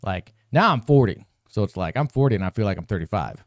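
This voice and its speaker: A man's voice: fairly low pitch, lively intonation, quick pace, no echo, studio quality. A man in his forties hosting a solo live-stream podcast, rambling with restarts and building into a profane, exasperated rant. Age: 40s. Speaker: podcast host.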